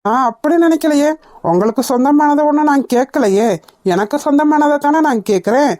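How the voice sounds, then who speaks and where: A woman's voice: high voice, a little fast, a little mellow, dry recording, studio quality. A woman voicing a firm, indignant young man who stands up for his family home in a cartoon. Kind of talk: cartoon dubbing.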